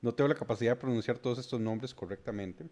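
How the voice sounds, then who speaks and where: A Costa Rican man hosting a beer show, explaining brewing history in a halting way full of filler sounds. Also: mid-range voice, a little mellow. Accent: Costa Rican Spanish. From Costa Rica. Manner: hesitant, many filler sounds.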